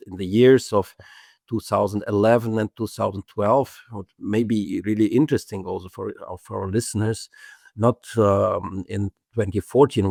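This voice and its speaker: Older guy, low and gravelly, keeps saying uh, halting, dry sound. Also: darkish tone, no echo. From Germany. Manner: hesitant, many fillers and restarts. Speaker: guest. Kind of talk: interview answers.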